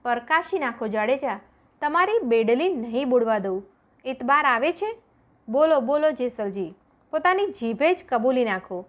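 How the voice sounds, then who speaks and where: A woman voicing a calm, devout woman who firmly reassures a frightened man during a storm at sea. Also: high voice, normal speed. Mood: reassuring. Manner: calm, firm.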